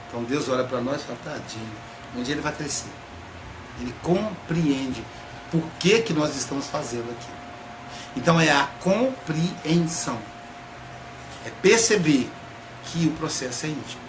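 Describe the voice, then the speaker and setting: A man, a psychoanalyst, giving a reflective spoken talk and drawing out key words slowly for emphasis. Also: a little high. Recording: echoey room, faint background noise.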